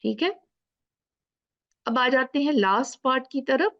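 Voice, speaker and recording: In an online lesson, a woman with a sore throat teaches Quran recitation rules, patiently repeating words slowly and alternating between drawn-out recitation and quick explanation. Her voice is high-pitched with lively intonation, and the sound is lo-fi.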